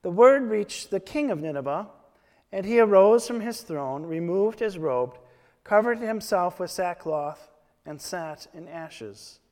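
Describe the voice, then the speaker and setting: A man's voice: high voice, lively intonation, darkish tone. Man reading in cathedral echo. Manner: measured, solemn reading aloud. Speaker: officiant leading worship. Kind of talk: liturgical prayer and scripture reading. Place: large church. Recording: long reverb of a large church.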